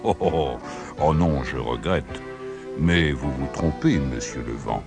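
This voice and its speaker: A jovial storybook sun, voiced by a male narrator, sunk deep and low with a chuckling ease, unhurried and sure of himself. Gentle music runs beneath. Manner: laughing, low and easygoing. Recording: background music under the voice.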